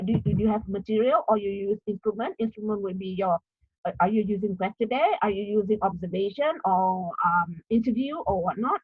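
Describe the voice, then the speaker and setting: A woman's voice: on the high side, breathy edge, no room sound, muffled recording. A woman from Malaysia with a Malaysian accent, giving a lecture on academic writing, with frequent "uh" fillers and a checking "okay?". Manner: repeats and restarts, many "uh" fillers and checking "okay?". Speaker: university lecturer. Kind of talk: academic workshop talk.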